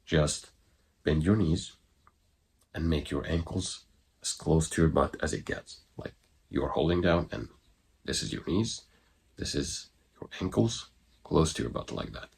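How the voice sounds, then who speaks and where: A man coaching viewers through an exercise in an informal, halting way, in short phrases. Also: rumbling low, animated, gravelly, slight background noise. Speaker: breathwork coach giving online guidance. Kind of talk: instructional talk to viewers.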